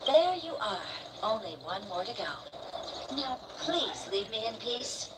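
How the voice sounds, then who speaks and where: A woman's voice: fairly high pitch, sing-song, a little slow, background noise. A woman voicing a rude, grumpy female examiner robot in a video game, sarcastic and impatient. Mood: curt. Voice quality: sultry, dismissive.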